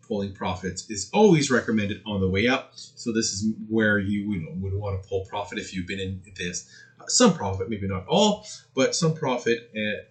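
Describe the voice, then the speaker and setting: A man's voice: fairly low pitch, fairly bright tone. A man hosting a trading channel, giving casual chart commentary in a crypto-bro manner, mixing hype with hedging.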